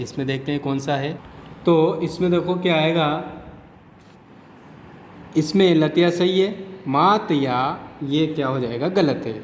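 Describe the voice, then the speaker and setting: A man's voice: a little high, a little mellow. Echoey male teacher. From India. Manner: explains Sanskrit line by line with Hindi glosses, keeps asking "ठीक है". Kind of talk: online class lesson. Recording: echoey room with faint hiss.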